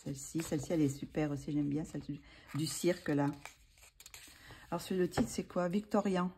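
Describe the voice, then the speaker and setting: A woman's voice: sits low, steady tone, fairly quick, mellow, a little hiss or hum. A woman talking casually as a vlogger, hesitant and full of fillers as she thinks aloud. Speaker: vlogger showing coloring books. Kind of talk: casual chat.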